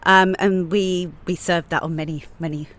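A woman chef chatting casually outdoors as a podcast guest, lively and prone to laughing. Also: on the low side, moderate pace. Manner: chatty, animated, with frequent laughs. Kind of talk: casual chat. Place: outdoors on church steps.

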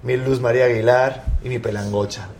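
A man, an actor guest chatting on a talk show, animated, laughing often and acting out the lines he quotes. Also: medium pitch, fairly quick, slight background noise. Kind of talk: casual talk-show chat.

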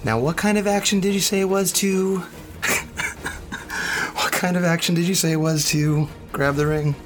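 A man's voice: high-pitched, steady tone, moderate pace, over music. A man chatting casually as a player in a tabletop role-playing game, calling out his moves.

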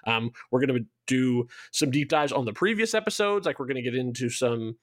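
A man who created a show is interviewed in a casual promotional podcast chat, explaining things enthusiastically and in a rambling way. His mid-range voice is brisk. The recording is studio quality with no echo.

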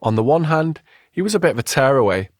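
Man hosting a podcast, lively intonation. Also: medium pitch, fast talker, no room sound, studio quality. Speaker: podcast host. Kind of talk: scripted podcast narration and interviewing.

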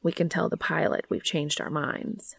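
A woman voicing a gentle adult man who speaks low, quiet and close, reading a storybook. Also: lively intonation, normal speed, vocal fry, breathy edge, dry recording, heavily acted. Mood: soft, reassuring. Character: gentle, soft-spoken adult man on a date.

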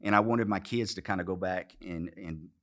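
A man in his fifties speaks with an Arkansas Southern accent in a very low-pitched voice. He answers as an interview guest, recounting his own experiences conversationally. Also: moderate pace, a bit bright. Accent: Arkansas Southern American. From Arkansas, USA. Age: 50s. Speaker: interview guest, military veteran. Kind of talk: conversational life-story interview.

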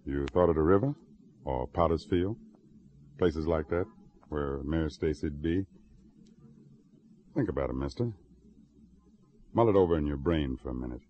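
An actor playing a weary, blunt old man on a city stoop, talking in terse, gruff drawls in a 1950s radio drama. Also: very deep voice, lively intonation, normal speed, long pauses. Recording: dull old radio recording, faint hiss.

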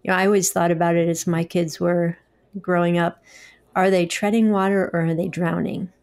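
A woman's voice: fairly low pitch, little pitch movement, moderate pace, darkish tone. A woman hosting an interview, asking direct, practical questions. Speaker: host.

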